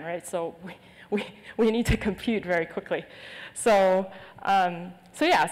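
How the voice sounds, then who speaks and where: A woman giving a conference keynote on stage, talking with many fillers and restarts. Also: lowish voice. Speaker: keynote speaker. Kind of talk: conference presentation. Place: large conference stage with audience. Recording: long hall reverb.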